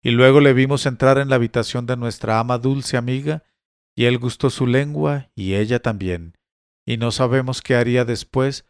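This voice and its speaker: A man's voice: medium pitch, smooth, no room sound, lightly acted. A man voicing frightened young slave girls in a spoken story reading, with a dry sound.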